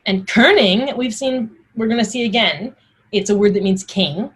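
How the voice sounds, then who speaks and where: A husky-voiced woman teaching Old English pronunciation, reciting the old words and explaining them informally one by one. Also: mid-range voice, normal speed.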